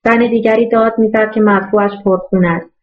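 A woman narrating a novel in a steady, even storytelling voice. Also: mid-range voice, narrow, tinny audio. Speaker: audiobook narrator. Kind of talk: scripted narration.

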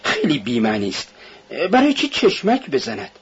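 A man's voice: on the high side, huge pitch swings, slightly rough, pitched above the performer's own voice, heavily acted. A man voicing a feverish, suspicious young man under questioning, talking tensely and bitterly, brooding half to himself. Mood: anxious brooding. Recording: dull lo-fi radio recording.

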